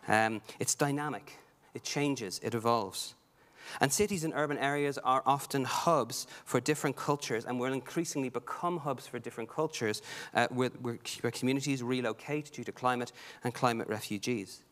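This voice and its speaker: Speaking in a mid-range, slightly bright voice at a moderate pace, an Irish man from Dublin delivers an earnest, prepared conference talk in a large hall. He often says "um" and restarts his sentences.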